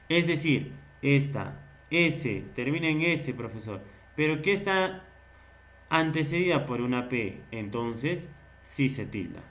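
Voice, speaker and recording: A man gives a grammar lesson at an unhurried, drawn-out pace. He keeps asking questions aloud and then answering them himself, as if speaking for his students. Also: mid-range voice, fairly bright tone. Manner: slow, stretched-out explaining. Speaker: teacher.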